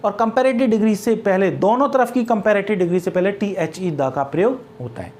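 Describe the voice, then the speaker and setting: In a grammar lesson taught in Hindi, a man explains English grammar step by step, sprinkling in English terms and posing questions he then answers himself. He speaks fairly quickly in a high voice with a darkish tone, over a little hiss or hum.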